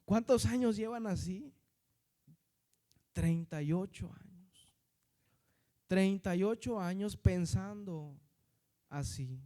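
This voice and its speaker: High-voiced northern Mexican preacher. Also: male voice, slow, long pauses, dark tone. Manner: conversational preaching, constant tag questions and addressing the brethren. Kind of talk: sermon.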